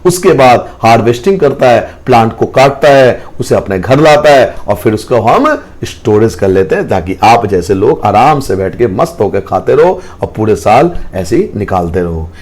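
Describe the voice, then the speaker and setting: Lively male science teacher. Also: mid-range voice, moderate pace, hardly any pauses. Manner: lively, affectionate toward students, repeats and rephrases points. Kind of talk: classroom lesson.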